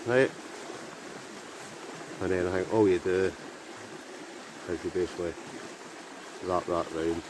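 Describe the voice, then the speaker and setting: An outdoor vlogger from Scotland, a man in his forties, chats casually to the camera and thinks aloud while cooking at a riverside camp. His voice is low and slow, with long pauses. The recording is outdoors, with the sound of a flowing river behind him.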